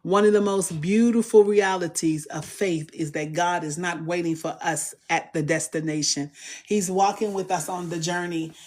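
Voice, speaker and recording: Devotional host, mid-range pitch, measured affirming cadence, addresses the listener directly, repeated encouraging phrases. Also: steady tone, a little mellow. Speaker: host of a faith and mental health channel.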